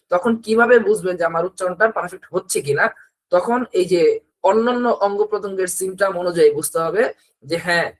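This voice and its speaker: Man teaching quran letters online, highish voice, says each sound slowly again and again. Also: fairly bright tone. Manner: slow repetitive drilling with short explanations.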